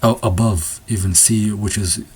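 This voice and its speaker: A man explaining a textbook's ideas in a casual unscripted talk, halting often with restarts and fillers and sometimes laughing nervously. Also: on the low side, steady tone, darkish tone, breathy edge. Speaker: presenter discussing a textbook.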